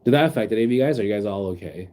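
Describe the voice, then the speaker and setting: A sick, sniffly man rambles through a casual stream chat, reading out his viewers' messages with plenty of ums and likes. His voice sits a little low and sounds mellow and soft-edged, picked up on a phone. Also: lively intonation, very fast. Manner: rambling, reads chat aloud, many fillers.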